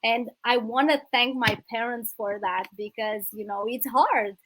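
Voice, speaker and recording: Romanian lady in her 30s chatting about her life, a bit high voice, dry close sound, lots of ums. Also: a little slow, no room sound, poor audio. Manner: warm, grateful, hesitant with fillers. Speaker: guest, business coach. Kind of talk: casual interview storytelling.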